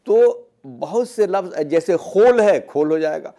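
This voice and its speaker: Guy giving a lecture, slightly high voice, slow and explaining. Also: animated, warm tone. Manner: measured, explanatory, with repeated examples. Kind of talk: educational lecture.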